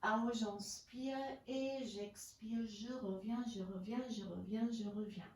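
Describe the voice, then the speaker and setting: Slow, calm woman pilates instructor. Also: medium pitch. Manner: calm counting and breath cues, mixing in English phrases. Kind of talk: guided workout instruction. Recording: roomy, mic at a distance, faint background hiss.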